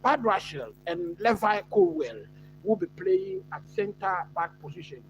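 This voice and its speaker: A man from Ghana hosting a live football watch-along, chatting casually and answering viewers with many pauses and fillers. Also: high-pitched, wildly swooping pitch, a little hiss or hum, low-quality recording. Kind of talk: live stream football chat.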